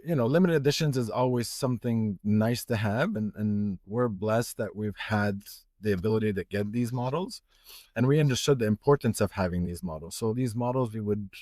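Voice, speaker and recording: A man's voice: fairly low pitch, brisk, a little mellow, no room sound, clean studio sound. A middle-aged man from Egypt, a watch retailer, talking casually in a podcast interview with many fillers and restarts.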